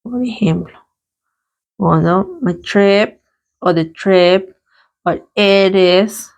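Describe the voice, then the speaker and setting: A woman teaching an English lesson in Spanish, saying English phrases slowly and carefully for her students and checking in with "¿sí?". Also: mid-range voice, creaky, a little mellow, dull audio. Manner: slow, careful model pronunciation with frequent checking "¿sí?".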